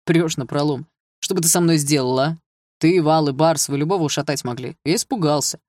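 A man's voice: on the high side, brisk, darkish tone, no echo, studio quality, close to an everyday voice. Brief: male reader as nervous young guy, whiny excuses, slangy. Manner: rambling, pleading, slangy. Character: nervous young man, guilty, whining excuses.

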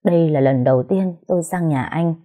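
A woman narrating a story in the first person, calm and unhurried. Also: sits low.

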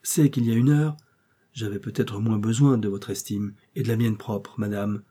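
A man voicing a witty, ironic gentleman friend who teases in a light, mocking way. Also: lowish voice, fairly even intonation, moderate pace, breathy edge. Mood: courtly. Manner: teasing, ironic.

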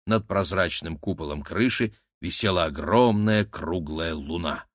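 Low-voiced man narrating an audiobook. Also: measured pace, no echo, studio quality. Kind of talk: scripted narration.

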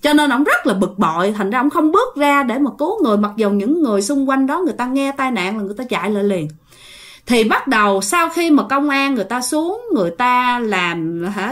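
A woman telling a ghost story, speaking straight to her listeners. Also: on the high side. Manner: animated, addresses listeners directly.

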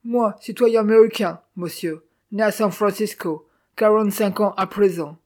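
A narrator voicing a sly male servant who speaks in broken pidgin, loud and mocking. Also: mid-range voice, moderate pace, pitched above the performer's own voice, close to an everyday voice. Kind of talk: audiobook character voice.

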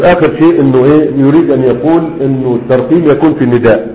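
A man with an Egyptian accent teaching Arabic grammar to a class. He keeps asking rhetorical questions and then answers them himself. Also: medium pitch. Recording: echoey lo-fi room recording.

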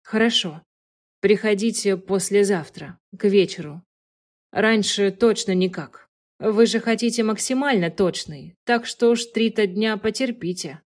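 Curt elderly nurse, stern and grudging, pitched up; woman reader doing the voice. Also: measured pace, close to an everyday voice.

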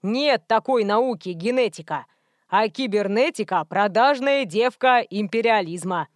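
A woman's voice: medium pitch, animated, a little slow, no room sound, studio quality, close to an everyday voice. A woman reading an audiobook voices a playful, clowning male friend with a teasing manner.

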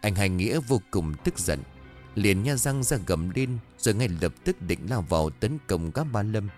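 A man tells a horror story in a dramatic, scripted way. His voice is very deep, yet his pitch moves a lot. Faint music plays under him. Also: animated, moderate pace, a little mellow.

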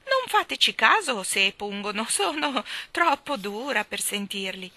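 A woman voicing an eccentric, bossy old woman with a shrill, squawking voice, speaking in emphatic, drawn-out exclamations. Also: very animated, bright, forceful tone, dry recording, exaggerated voice.

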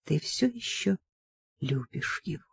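A woman's voice: fairly low pitch, unhurried, gravelly, dark tone, breathy edge, no room sound, clean studio sound, exaggerated voice. A woman reading a tearful loving mother. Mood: tender, tearful. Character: loving middle-aged mother, tearful and tender.

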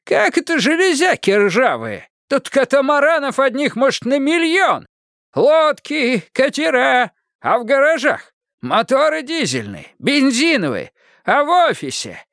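A man's voice: sits high, sing-song, unhurried, vocal fry, no echo, clean studio sound, pitched above the performer's own voice, heavily acted. A man voicing a cranky old male watchman who mocks and barks orders, in an audiobook. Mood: furious. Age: older. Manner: shouting, mocking, bossy. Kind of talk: audiobook character voice.

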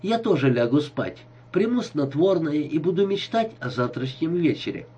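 A man's voice: a little high, very animated, normal speed, mellow, husky, highs cut off, pitched above the performer's own voice. A man doing a coy scheming young woman. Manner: coy, teasing.

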